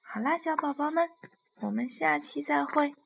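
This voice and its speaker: A young woman narrating a children's bedtime story in a gentle, soothing way. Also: sits high, normal speed, creaky.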